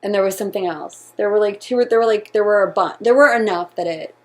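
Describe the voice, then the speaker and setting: A young American woman co-hosts a casual book review, speaking at an ordinary middle pitch. She talks in a loose, chatty way, full of "like" fillers and quick opinions. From United States. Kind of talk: casual chat.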